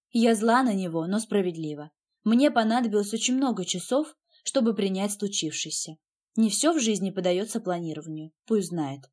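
A woman narrating a first-person audiobook in a steady, even reading voice. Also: medium pitch.

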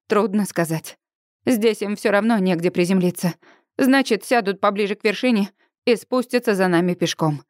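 A woman reading an audiobook, voicing a reserved, level-headed young woman who speaks low and clipped. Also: moderate pace, no echo, studio quality, lightly acted. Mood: tense, restrained.

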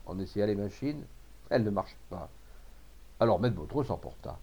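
A man narrating classic literary short stories as an audiobook reader, in a measured, expressive reading. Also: fairly low pitch, slightly rough.

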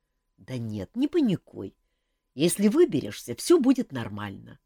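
A woman voicing a gruff adult male hero who grumbles and answers with curt sarcasm. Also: rumbling low, wildly swooping pitch, moderate pace, mellow, no echo, studio quality, heavily acted. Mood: grumbling.

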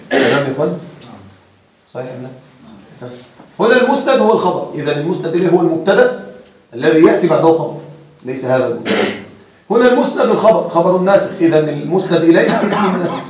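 A male teacher speaks quickly in a high voice as he gives a classroom lecture. He keeps asking his students whether they follow him. The room around him is echoey. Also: darkish tone.

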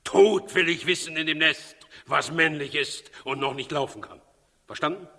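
Harsh, husky tyrant King Herod. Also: on the high side, normal speed, bright, forceful tone. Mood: furious, commanding. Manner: commanding, declamatory, menacing. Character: ruthless, brooding, aging King Herod, a bloodthirsty tyrant. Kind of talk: 1960s German radio drama acting. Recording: reverberant hall, 1960s radio studio.

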